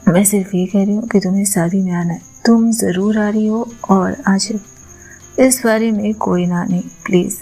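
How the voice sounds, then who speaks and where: A cheerful young bride chatters in quick, excited bursts, as a female storyteller voices her. The voice has a gravelly fry, and faint music runs under the audio story. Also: medium pitch, rough recording. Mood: chatty.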